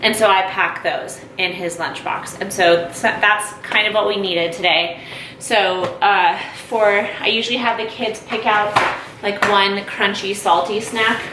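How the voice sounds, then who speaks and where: Young pregnant woman, mid-pitched, chatty upbeat vlogger at home, faint background noise. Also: fairly even intonation, a little slow. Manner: chatty, upbeat, many fillers and asides. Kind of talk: casual haul vlog chat.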